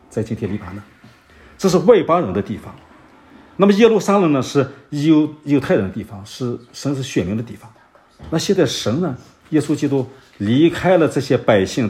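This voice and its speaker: A man of medium pitch and darkish tone gives an expository sermon on the Bible. He moves through the verses, asks rhetorical questions, and at times pauses with fillers as he searches for references.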